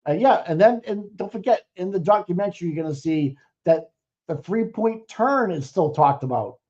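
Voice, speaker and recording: Excitable man, muffled stream audio. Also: sits high, normal speed. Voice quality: profane, excitable, rambling with restarts. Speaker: co-host. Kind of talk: casual chat.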